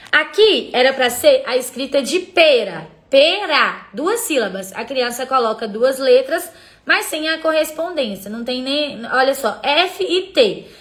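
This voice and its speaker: A woman teacher with a high, bright voice leads a live-streamed literacy lesson. She explains things step by step, keeps directing viewers to the examples, and greets people as they join.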